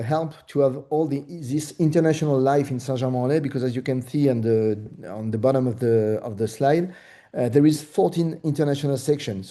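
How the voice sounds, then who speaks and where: French-accented man with a dark voice. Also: medium pitch. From France. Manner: hesitant, many fillers and restarts. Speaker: real estate broker presenting his market. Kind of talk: presentation on a video call. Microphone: video call.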